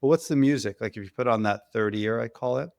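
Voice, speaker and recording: A man hosting a parenting podcast, an energetic, talkative therapist who is quick to praise his guest. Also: mid-range voice, gravelly, no echo, clean studio sound. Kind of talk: casual podcast conversation.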